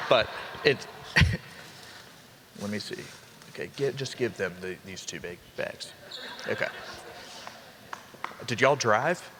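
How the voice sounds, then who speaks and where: A young man speaks into a handheld microphone, welcoming new students and parents as a college dean. His voice sits fairly low and he keeps an upbeat tone with quick asides to the room. The sound carries a long hall reverb over a faint murmur. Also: noisy background. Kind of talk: orientation welcome speech. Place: large hall.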